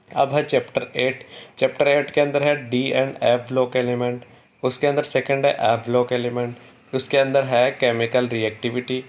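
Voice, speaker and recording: A male teacher walking students through a syllabus, reading topic names slowly and explaining quickly in between. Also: mid-range voice. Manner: reads English topic names slowly, explains in fast Hindi; repeats "ठीक है" to check in with students. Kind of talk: exam syllabus walkthrough.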